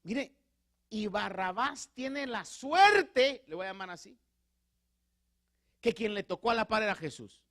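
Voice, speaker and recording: A man, a pastor preaching a sermon in church, rising to loud emphatic peaks. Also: sits high, lively intonation, a little slow, long pauses.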